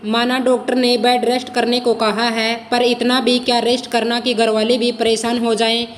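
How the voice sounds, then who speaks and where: A woman's voice: on the high side, flat delivery, normal speed, long reverb tail, slight background noise, close to an everyday voice. Field: a woman voicing a quarrelsome young married daughter. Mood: complaining. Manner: complaining, indignant. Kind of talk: storybook role reading.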